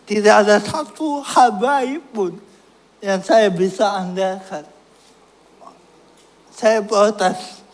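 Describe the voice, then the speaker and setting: A man delivers a personal testimony sermon at a slow, unhurried pace. He pokes fun at himself and laughs through his story, then turns earnest as he recounts his prayers. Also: sits high, darkish tone. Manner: self-mocking, laughs at his own story. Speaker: preacher giving testimony.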